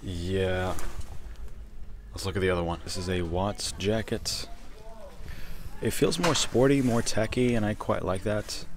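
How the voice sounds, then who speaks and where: A young man from Switzerland vlogging into a handheld phone camera as he shops and walks around town, with relaxed, wry commentary. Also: low-pitched, measured pace, pauses often. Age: young adult. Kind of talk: casual vlog narration. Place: shops and streets of a town, indoors and outdoors. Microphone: phone camera held by hand.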